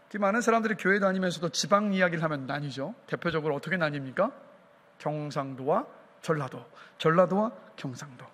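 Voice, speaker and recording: A man preaching a sermon with a high, ringing voice, his lines trailing off in the long echo of a church sanctuary. A pastor from the Chungcheong region, he keeps putting questions to his congregation and drives toward forceful climaxes. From South Korea, Chungcheong region. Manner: fires rhetorical questions at the congregation, rising to emphatic peaks. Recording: long reverb of a church hall.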